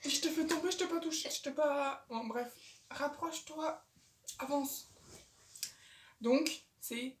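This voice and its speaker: A woman's voice: sits high, takes it slowly, long pauses, recorded from a distance, slight background noise. Chatty teenage girl in an echoey room. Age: teens. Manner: chatty, bossy big sister. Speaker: youtuber. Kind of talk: casual vlog chat. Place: home, indoors.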